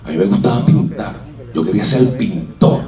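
Puerto rican man, low voice, lively storyteller, far from the mic, roomy hall. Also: normal speed. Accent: Puerto Rican Spanish. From Puerto Rico. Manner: animated storyteller, acts out what others said. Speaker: speaker at a talk. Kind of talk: personal storytelling talk. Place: stage in a hall with an audience. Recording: echoey hall, voice from a distance.

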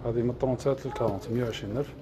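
A man's voice: mid-range voice, fairly even intonation, racing, very noisy. A man with an Algerian Arabic accent showing shoes in his shop, rattling off prices, sizes and colors in a list. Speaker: shop seller. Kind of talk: product showcase livestream. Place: shoe shop.

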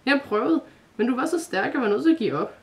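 A woman's voice: high voice, expressive, voice pushed up. A woman voicing a shy young male dream spirit in a storybook reading, hesitant and apologetic. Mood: earnest.

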